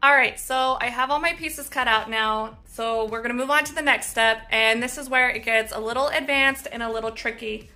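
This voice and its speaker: A woman's voice: a little high, normal speed, hardly any pauses, pushed and bright, soft background music. Chatty woman teaching in a workshop. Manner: upbeat, chatty, laughs at own slips. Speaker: woodworking instructor. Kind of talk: casual step-by-step tutorial. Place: indoor woodworking shop. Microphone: phone camera at arm's length.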